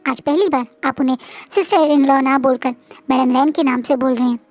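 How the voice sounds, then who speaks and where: A woman voicing a gentle, loving mother who consoles her son in a storybook reading. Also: high voice, steady tone, brisk, no room sound, natural voice. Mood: tender.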